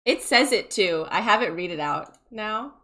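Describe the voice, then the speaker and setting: A woman's voice: mid-range voice, expressive, moderate pace, bright, forceful tone. Giggly teasing woman. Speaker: tabletop game player. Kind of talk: casual group chat.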